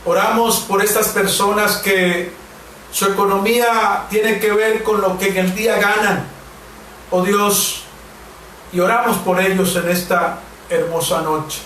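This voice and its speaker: A man in his forties from Mexico, a pastor preaching a devotional and then leading prayer, with slow, emphatic repetitions. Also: sits high, fairly even intonation, pushed and bright. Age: 40s. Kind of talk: sermon and prayer. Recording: very echoey room, distant mic, faint hiss.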